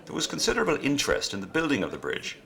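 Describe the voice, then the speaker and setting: A man's voice: mid-range voice, huge pitch swings, rapid-fire, crowd noise. A man reading scripted documentary narration. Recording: clear background noise.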